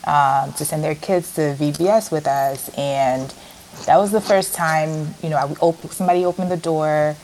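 Low-voiced earnest woman from Haiti. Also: fairly even intonation, moderate pace, a little mellow, slight background noise, poor audio. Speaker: panel participant. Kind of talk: personal storytelling.

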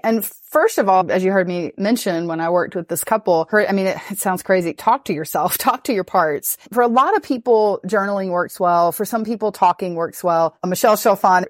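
A woman relationship coach talking in a podcast interview, animated and quick to laugh, swearing casually. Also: lowish voice, no echo, studio quality.

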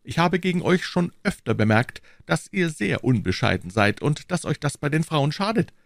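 A man voicing a refined, evasive young musketeer with a high, strained, coy delivery. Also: very animated, moderate pace, gravelly, no room sound, studio quality.

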